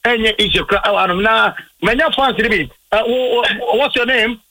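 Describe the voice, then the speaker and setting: A man from Ghana giving a brisk live radio match report from among the fans, mixing in English phrases. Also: high voice, background noise. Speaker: field reporter.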